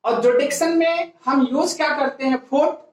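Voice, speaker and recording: A woman's voice: high-pitched, moderate pace. A woman teaching English grammar in a classroom lecture, explaining step by step and asking herself rhetorical questions. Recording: very echoey classroom.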